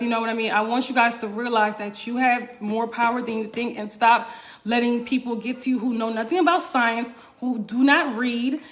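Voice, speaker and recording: A woman wellness coach speaks to her online viewers in a high voice. She presses her points with repetition and keeps checking in with "right?" and "okay?". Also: a bit bright. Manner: emphatic, repeats points, asks "right?" and "okay?". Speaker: wellness coach hosting a live stream. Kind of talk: casual live-stream talk to viewers.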